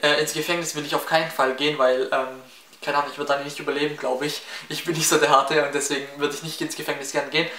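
Seventeen and from Baden-Württemberg near Stuttgart, a young man with a Swabian accent rambles through viewer questions in a casual Q&A vlog, with frequent fillers and restarts. His voice is a little high, fast, bright and forceful, with little pitch movement and slight background noise. It's recorded indoors in a small, echoey room in front of blinds, with a slightly distant mic.

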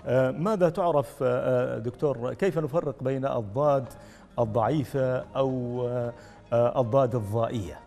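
A man's voice: mid-range voice, normal speed, vocal fry, darkish tone. A man hosting a TV program, formally welcoming viewers and posing questions to his guests. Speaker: TV host. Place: TV studio. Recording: reverberant studio with faint background music.

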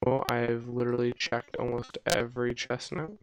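A man's voice: medium pitch, monotone, moderate pace, highs cut off. A man chatting casually over a let's-play game, easygoing and curious. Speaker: gameplay commentator.

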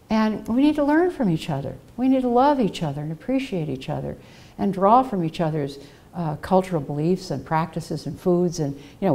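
An older woman, a guest speaker at a podium in a library auditorium, gives a reflective personal talk through a headset mic, earnestly telling stories and acting out the voices she quotes. Her voice is lowish with a darkish tone.

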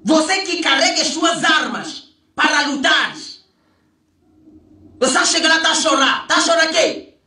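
Man, high and bright voice, mocking rant, far from the mic. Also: measured pace, long pauses. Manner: emphatic, mocking, repeats rhetorical questions. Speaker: vlogger. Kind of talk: ranting monologue. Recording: echoey room, far from the mic.

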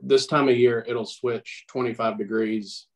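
A man's voice: mid-range voice, fairly even intonation, unhurried, rough recording. A middle-aged man talking bluntly and wryly as a panelist in a casual video-call chat. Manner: blunt, wry.

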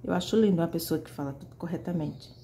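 A woman's voice: low-pitched, fast talker, mellow, slight background noise. A woman teaching fabric painting in a casual tutorial, chatting directly to her viewers while she paints.

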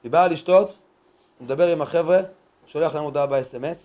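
Animated slangy rabbi, higher-pitched man. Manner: slangy and animated, acting out dialogues. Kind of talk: lively sermon. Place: live lecture before an audience.

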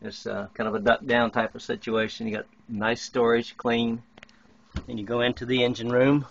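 Rambling through fillers and restarts, a man narrates as he films the small wood-paneled cabins of a yacht on tour. His mid-range voice is level with vocal fry at a moderate pace, and the handheld camera mic captures dull lo-fi camcorder audio with a little hiss or hum.

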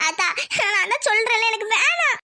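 A woman's voice: very high voice, expressive, normal speed, background noise. A woman voicing a young village bride in a homemade cartoon, pleading and tearful. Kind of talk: cartoon voice acting.

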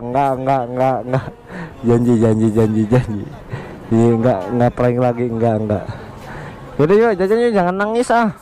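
A man's voice: mid-range voice, animated, normal speed, dark tone. A young man, casually chatting and teasing his girlfriend in a prank vlog. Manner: playful, teasing, laughs a lot.

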